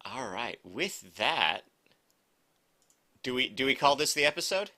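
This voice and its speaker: A man talks casually as a podcast co-host, his voice very bright and forceful. He rambles and corrects himself mid-sentence with a wry, joking edge. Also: medium pitch, big pitch swings, a little slow. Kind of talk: casual chat.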